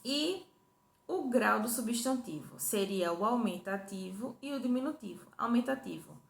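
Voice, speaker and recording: A woman's voice: on the high side, animated, moderate pace, creaky. A young woman teaching a review lesson to primary school children, patient and repetitive, checking in with her listeners often. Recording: echoey room, faint hum.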